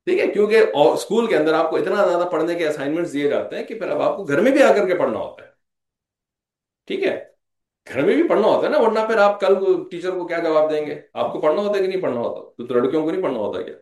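A man gives a conversational Islamic lecture, mixing in English phrases and checking in with listeners after nearly every point by repeating "theek hai". His voice is a little high, darkish, and animated, he talks fast, and the sound is roomy.

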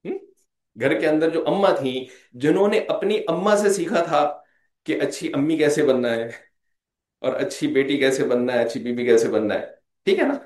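A man's voice: on the high side, normal speed, a little mellow, roomy sound. A man giving a conversational Islamic lecture, mixing in English phrases and checking in with his listeners after nearly every point. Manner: conversational, repeats "theek hai" as a check-in; mixes English phrases into speech. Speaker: religious lecturer.

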